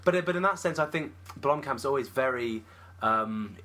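A man's voice: medium pitch, lively intonation, moderate pace, sharp tone. A man co-hosting a film podcast, talking eagerly and thinking aloud in casual chat. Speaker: podcast co-host, film reviewer.

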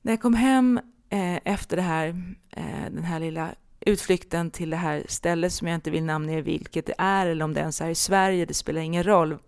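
Woman podcast host with a lower pitch and smooth, clear tone; candid, reflective, hesitant delivery. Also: a little mellow. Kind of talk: personal podcast monologue.

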